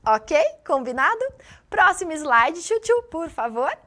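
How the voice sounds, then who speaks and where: A woman's voice: sits high, big pitch swings, measured pace, fairly bright tone. A woman studio teacher running a live online class, upbeat and speaking straight to the students. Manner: upbeat, addresses students directly.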